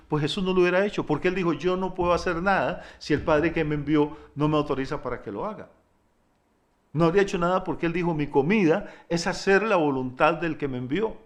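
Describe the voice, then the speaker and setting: Emphatic pastor preaching a sermon. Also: male voice, fairly high pitch. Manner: emphatic preaching with wide swings between loud and quiet; repeats words, piles up lists.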